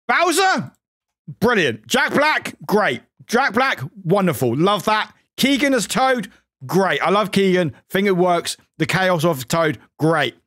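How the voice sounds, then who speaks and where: A streamer reacting to a trailer live, excitable and scattered, swearing freely and interrupting himself. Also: male voice, a little high, no echo, clean studio sound.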